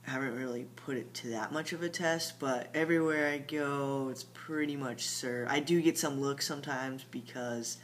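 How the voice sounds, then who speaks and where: In a late-night video diary recorded at home, a young man speaks in a steady, fairly bright mid-range voice at a moderate pace with hardly any pauses. The vlogger rambles, fills gaps with lots of fillers and sometimes mumbles, over a faint hum.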